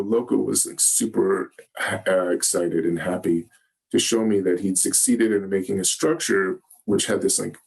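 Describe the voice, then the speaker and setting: Halting, gentle male Zen teacher. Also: on the low side, creaky. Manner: gentle, halting, searching for words. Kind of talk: dharma talk. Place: meditation hall.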